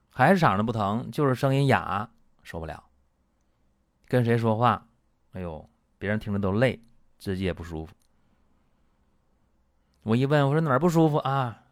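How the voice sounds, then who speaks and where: Low chatty guy explaining chinese medicine, dry close sound. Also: dry recording. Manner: lively and colloquial, acts out patients and doctors. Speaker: host and traditional Chinese medicine practitioner. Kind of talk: chatty medical talk show.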